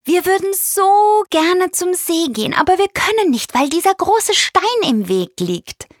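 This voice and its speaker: A woman voicing a young, curious female giraffe in a children's story, sounding eager and gentle. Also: extremely high pitch, big pitch swings, a little slow, no echo, studio quality, voice pushed up, heavily acted.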